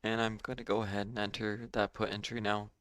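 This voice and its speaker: A man with a hoarse, failing voice giving halting live trading commentary as host of a stream. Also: fairly low pitch, little pitch movement, a bit bright, dry recording. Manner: halting, with fillers and throat clearing. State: hoarse, losing his voice. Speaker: day trading livestream host.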